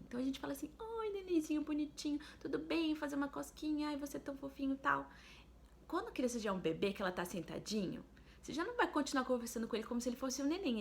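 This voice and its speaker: Gravelly-voiced woman giving speech tips. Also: a little high, slight background noise. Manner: clear, explanatory, demonstrative. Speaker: speech therapist. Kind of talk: instructional video for parents.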